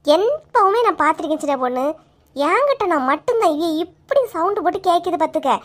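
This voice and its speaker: A woman's voice: very high-pitched, very animated, a little fast. A woman with a Kanyakumari Tamil accent voicing a quarrelsome middle-aged village woman in a comic cartoon, scolding and indignant.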